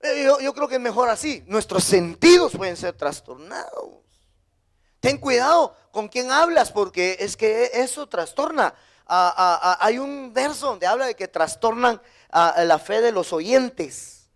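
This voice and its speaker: A Guatemalan man preaching a sermon as pastor, lively, with sudden high emphatic bursts. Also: unhurried. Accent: Guatemalan Spanish.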